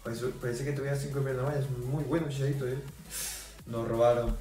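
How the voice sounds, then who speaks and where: A young man from Peru, commentating his own football video game as a reviewer and bursting into loud shouts over goals. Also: mid-range voice, fairly even intonation, quick pace. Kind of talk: gameplay commentary. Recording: echoey room with music behind.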